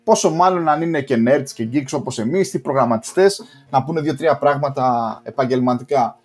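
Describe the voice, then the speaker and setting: A man's voice: mid-range voice, faint music behind. A man co-hosting a casual podcast, speaking in long, reflective, self-deprecating turns. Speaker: podcast co-host. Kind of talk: casual chat.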